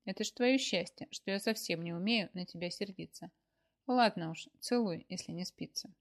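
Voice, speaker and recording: A woman's voice: fairly low pitch, moderate pace, lightly acted. A woman voicing a sulky young wife who speaks in a whiny, reproachful way in a read-aloud story.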